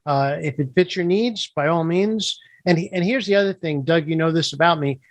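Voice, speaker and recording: A man's voice: on the high side, normal speed, no echo. A man who is a guest on a podcast, explaining his work with confident, upbeat salesmanship. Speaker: guest, software founder. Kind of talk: interview explanation.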